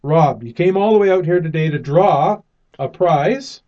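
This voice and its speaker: Guy hosting, upbeat and chatty, kinda higher voice, dull lo-fi sound. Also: animated, unhurried. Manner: upbeat, laughs often. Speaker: radio show host. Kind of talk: casual interview chat.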